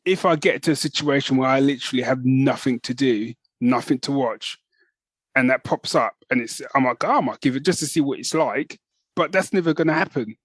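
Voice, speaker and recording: On a dry recording, a male podcast co-host chats casually, rambling and restarting as he goes. His voice is mid-range with a fairly bright tone.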